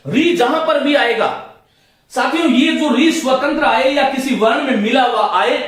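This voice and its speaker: A man's voice: very high voice, a bit bright. A man teaching Hindi grammar in a classroom lecture, explaining step by step and repeating his points to the students. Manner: repetitive, explaining step by step and addressing students as friends. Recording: echoey room, voice from a distance.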